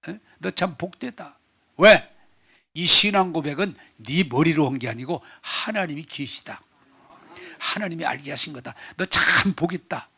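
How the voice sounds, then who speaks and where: Brief: male pastor, lively sermon delivery with wide pitch swings, slightly high voice. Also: unhurried, gravelly, husky. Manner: animated storytelling, acting out scenes. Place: church.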